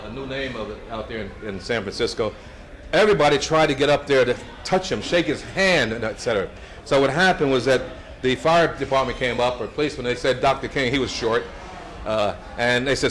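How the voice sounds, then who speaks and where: At a brunch gathering, a U.S. man in his seventies shares anecdotes in a storytelling speech, laughing softly and restarting frequently. The voice is mid-range with a fairly bright tone.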